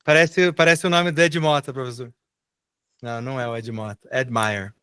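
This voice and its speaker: A man's voice: medium pitch, steady tone, normal speed, pushed and bright, clean tone, studio quality. A middle-aged Brazilian man teaching English in a live online class, patiently explaining and repeating words for students to echo.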